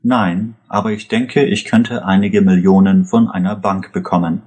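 A man voicing a calm, wry male investigator who speaks with dry irony. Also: deep voice, moderate pace, close to an everyday voice.

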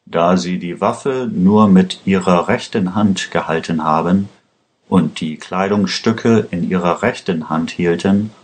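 A man voicing a sly, scheming defense lawyer who speaks smoothly. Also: low voice, unhurried.

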